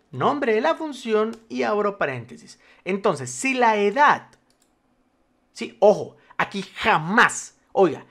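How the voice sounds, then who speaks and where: Spreadsheet instructor, male, animated up-and-down delivery, patient and reassuring, keeps checking the viewer follows. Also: high-pitched. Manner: formal address to the viewer, patient step-by-step explaining. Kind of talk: screen-recorded software tutorial.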